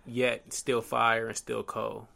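Gravelly young man, slow thoughtful chat. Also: mid-range voice, monotone, bright, forceful tone. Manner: slow, thoughtful, many fillers. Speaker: podcast co-host. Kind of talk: casual chat.

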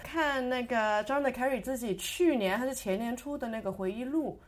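A woman with a slightly higher voice co-hosts a relaxed talk show. She gives long, easygoing explanations and laughs lightly as she goes. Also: normal speed. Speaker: podcast co-host. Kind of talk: casual discussion.

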